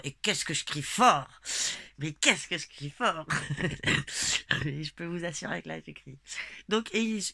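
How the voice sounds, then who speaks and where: A woman telling her listeners about a protest in a loose, rambling, animated way, swearing often and speaking to them directly. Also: fairly low pitch, gravelly, dry recording. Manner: animated, emphatic storytelling with frequent swearing. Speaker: gilet jaune protester recounting a march. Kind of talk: casual spoken personal account.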